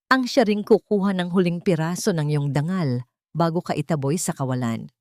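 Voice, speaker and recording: In this clean, dry studio recording, a woman with a fairly low, slightly mellow voice narrates a scripted dramatic audiobook story. Her delivery is solemn and full of emotion.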